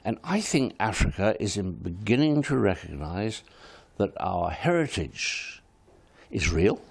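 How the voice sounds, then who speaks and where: A man from Kenya, whose native language is Swahili, heads a wildlife service and is answering studio interview questions. His gravelly voice is fairly low with big swings in pitch, and his statements come across as frank, firm and measured.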